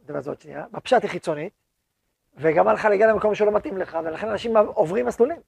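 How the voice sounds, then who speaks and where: A man's voice: high-pitched, gravelly, darkish tone, breathy edge, no echo. A man, the head rabbi of a yeshiva, giving a lecture to his students and repeating words for emphasis.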